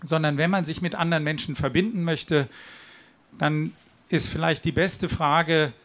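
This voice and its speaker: High-voiced earnest man at a rally. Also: steady tone, moderate pace, a bit bright. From southwestern Germany. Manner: earnest and persuasive, with some restarts. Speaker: rally speaker. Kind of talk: speech at a demonstration. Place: outdoor rally.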